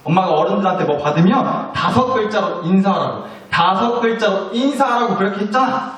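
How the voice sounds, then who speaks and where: A man voicing a young mother who scolds her little son, in a high, exasperated nagging voice. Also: expressive, brisk, a bit bright. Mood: scolding. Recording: echoey church hall, mic at a distance.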